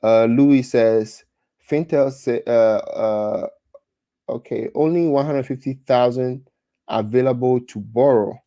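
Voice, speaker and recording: Speaking slowly in a warm, medium-pitched voice, a Ghanaian-accented livestream host in his thirties chats casually and reads out comments from viewers. The recording has no room sound, and he often restarts and repeats words.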